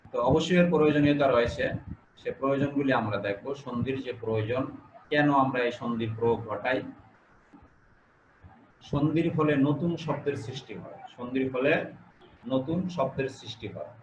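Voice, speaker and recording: A man's voice: mid-range voice, roomy sound, highs cut off, slight background noise. A male teacher giving an online class, explaining step by step, repeating key phrases and putting questions to his students. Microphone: video call.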